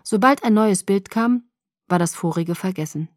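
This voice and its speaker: Calm woman narrating an audiobook. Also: medium pitch, moderate pace, no room sound, studio quality. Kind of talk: scripted first-person narration.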